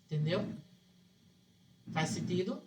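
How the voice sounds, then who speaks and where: A man's voice: high-pitched, expressive, slow pace, slight background noise. A man teaching psychoanalysis to a class, explaining ideas through a case from his practice and often checking that his listeners follow. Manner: explanatory, checks understanding with questions. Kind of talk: teaching with a clinical anecdote.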